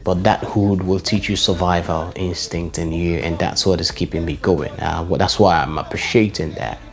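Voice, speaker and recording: A Nigerian man in his forties speaks in a very low voice, looking back fondly on where he grew up and reeling off names and shout-outs. Faint music plays behind him in this personal vlog. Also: steady tone, normal speed, vocal fry. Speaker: vlogger.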